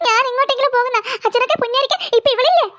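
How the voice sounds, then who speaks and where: Woman voicing a sulky crying cartoon girl, very high and bright voice, whiny. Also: racing. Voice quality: very high childlike voice. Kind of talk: cartoon voice acting.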